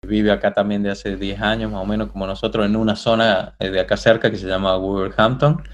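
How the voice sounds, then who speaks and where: A man's voice: fairly low pitch, level tone, a little fast, muffled recording, slight background noise. An Argentine man with an Argentine Spanish accent, a guest chatting casually in an interview, rambling with many fillers and restarts.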